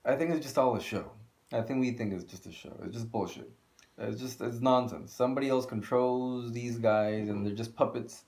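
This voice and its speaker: A man's voice: medium pitch, darkish tone. A man co-hosting a video channel, ranting casually and bluntly, swearing and repeating himself for emphasis. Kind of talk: casual opinion rant.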